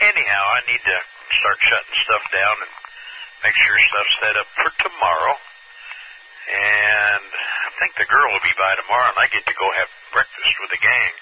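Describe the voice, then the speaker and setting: A man's voice: on the low side, lively intonation, unhurried, long pauses. A man chatting casually as an amateur radio operator, easygoing, folksy and rambling. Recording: phone-like two-way radio with noise.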